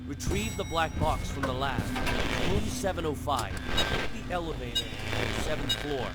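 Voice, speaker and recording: An actor playing a mission handler in a video game, giving terse, clipped orders over a radio transmission that keeps cutting off. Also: male voice, on the high side, animated, moderate pace, over loud music. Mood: commanding. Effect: cut-off radio transmission. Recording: distant radio with loud static.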